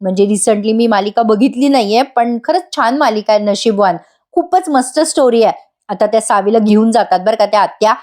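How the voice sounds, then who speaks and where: A woman's voice: on the high side, fairly quick, darkish tone. A woman narrating a voice-over review of a TV serial, chatty and addressing viewers directly.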